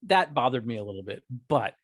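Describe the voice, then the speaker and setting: A man's voice: mid-range voice, very animated, fairly quick, no echo. A man co-hosting a casual chat about movies, rambling with many restarts. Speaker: podcast co-host.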